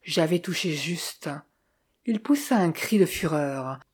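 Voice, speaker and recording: A woman narrating a first-person detective novel in a measured, even storytelling voice. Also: low-pitched, husky. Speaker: audiobook reader.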